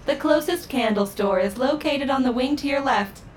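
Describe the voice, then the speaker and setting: A woman voicing a polite, programmed female mall AI assistant in an audio drama, speaking in a too-smooth, calm customer-service manner. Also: sits high, moderate pace, a little hiss or hum, close to an everyday voice.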